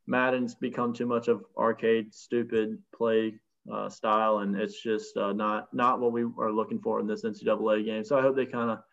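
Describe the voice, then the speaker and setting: A man's voice: lowish voice, level tone, normal speed, creaky, a bit bright, highs cut off. A man hosting a sports podcast in casual chat, leading the talk and tossing questions to his guests. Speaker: podcast host.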